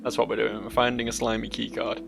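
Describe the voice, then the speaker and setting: Very gravelly man doing game commentary. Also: fairly low pitch, little pitch movement, fast talker, music in the background. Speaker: gaming video host. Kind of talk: casual let's play commentary.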